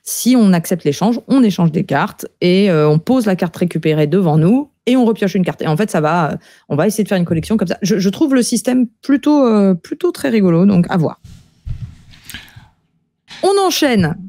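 A woman's voice: mid-range voice, animated, normal speed, warm tone, dry recording, clean studio sound. A woman co-hosting a casual podcast chat about board game news, talking freely with many hesitant fillers. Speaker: podcast co-host.

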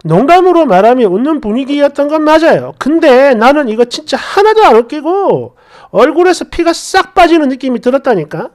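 Narrator, woman, high and lively, tells a story in an exasperated confiding tone. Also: a little fast. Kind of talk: first-person story narration.

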